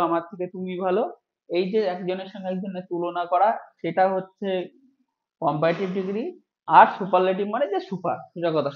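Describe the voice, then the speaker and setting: A man teaching an English grammar lesson, explaining step by step and drawing out example words slowly. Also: high voice. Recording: echoey room, dull lo-fi sound.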